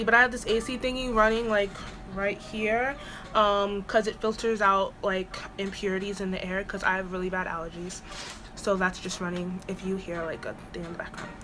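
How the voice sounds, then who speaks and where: This storytime vlog comes from a woman at home, an air purifier going in the background. She's chatty and meandering, restarting often and saying "like" constantly, in a slightly high, sharp-toned voice.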